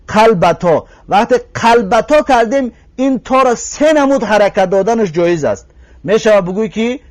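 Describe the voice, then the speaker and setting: A man with a Tajik Persian accent teaching a grammar lesson, drawing out each example word slowly and asking his listeners rhetorical questions. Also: very high-pitched. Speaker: language teacher.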